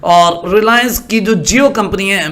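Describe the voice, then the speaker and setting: High-pitched male market commentator, patient explainer tone. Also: a little slow, a bit bright. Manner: explanatory, asks "are you following me" often. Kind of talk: screen-share market commentary.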